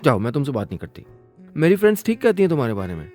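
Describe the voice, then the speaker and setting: A man's voice: mid-range voice, very animated, darkish tone, soft background music, lightly acted. A man voicing a touchy young woman who talks like a sulking child. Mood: sulky. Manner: childlike, sulky, quick to take offense. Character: pouty young woman girlfriend, sulky and touchy.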